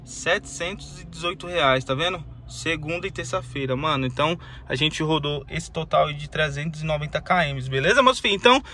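A man's voice: a little high, expressive, fairly quick, few pauses, bright, forceful tone. A man, a rideshare driver talking casually to his viewers in a slangy vlog from his car in the city. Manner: slangy, calls viewers family and guys. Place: inside and around a car in the city. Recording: noisy car and street recording. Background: street and traffic noise.

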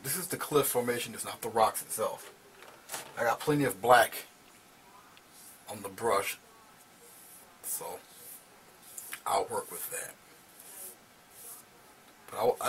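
A middle-aged man gives a painting lesson in his small home studio at a normal speed, pausing often. He chats easily as he paints and regularly falls to a murmur over the brush strokes. A faint hiss or hum sits behind his voice.

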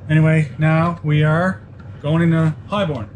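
A man's voice: a little high, little pitch movement, measured pace, background noise. A man in his forties, co-host of a boat vlog, chatting casually and rambling about the weather outdoors. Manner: rambling, easygoing commentary.

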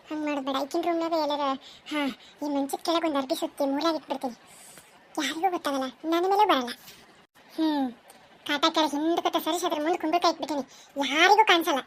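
A woman voicing a jealous middle-aged village woman who mutters low as she plots, with a North Karnataka Kannada accent. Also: fairly bright tone, slight background noise. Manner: low, muttering, plotting to herself.

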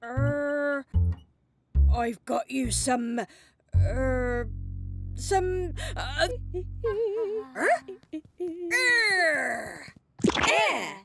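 A woman's voice: high-pitched, very animated, drawn-out words, vocal fry, pauses often, music in the background, exaggerated voice. A woman voicing a blustering, bumbling cartoon pirate who stammers. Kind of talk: animated children's cartoon.

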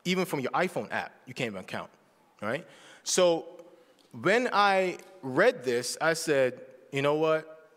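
A man's voice: fairly high pitch, animated, measured pace, a bit bright. A man in his forties giving a casual, conversational sermon as a church speaker, often checking in with the congregation. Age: 40s. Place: church sanctuary. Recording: long reverb of a church hall.

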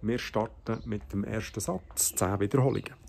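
A man's voice: lowish voice, normal speed, gravelly, a little mellow. A man, giving casual, encouraging workout instructions to camera as a fitness coach. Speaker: fitness challenge host and coach. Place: outdoors in a residential garden. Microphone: camera microphone, close at first, later several metres away. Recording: outdoor camera audio with background noise.

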